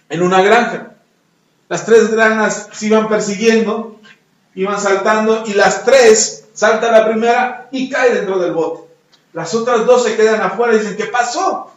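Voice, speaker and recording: High-voiced preacher in an echoey room. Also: male voice. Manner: repetitive, emphatic preaching. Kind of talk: sermon with storytelling. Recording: roomy echo, distant, dull lo-fi.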